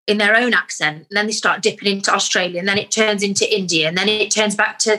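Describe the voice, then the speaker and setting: A young actress chats candidly in a casual interview, telling stories about herself with self-deprecating humour. Her medium-pitched voice is steady and sharp in tone, and she talks fast.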